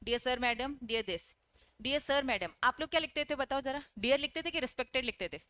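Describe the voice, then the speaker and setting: Bright-voiced woman teacher lecturing. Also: sits high, fast talker. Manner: asks students questions and answers them herself; reads English lines from the text, then explains them. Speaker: exam-prep teacher. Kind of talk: online lecture.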